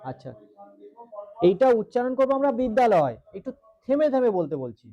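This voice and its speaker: A man's voice: very high-pitched, big pitch swings, brisk, dull audio. A male teacher giving a classroom grammar lesson with a West Bengal Bengali accent, quizzing students and stretching out syllables as he goes. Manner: drills students, asks questions, stretches syllables.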